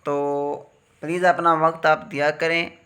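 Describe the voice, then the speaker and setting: A man's voice: on the high side, flat delivery, normal speed, pushed and bright, clean tone. A man from Pakistan with a Pakistani Urdu accent, teaching Quran letter reading in a patient step-by-step lesson and drawing out each letter sound. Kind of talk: slow step-by-step recitation lesson.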